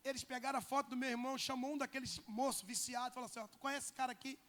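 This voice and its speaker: A male pastor, telling a personal testimony in a sermon, moving between loud bursts and hushed lines. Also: very high voice, little pitch movement, rapid-fire, big-room sound. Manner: emotional storytelling, swinging from loud to hushed.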